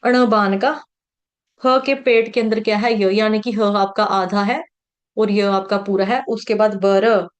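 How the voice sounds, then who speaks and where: A woman teaching a devotional scripture class, slowly chanting Sanskrit verses and patiently explaining how to pronounce them. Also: mid-range voice, fairly even intonation.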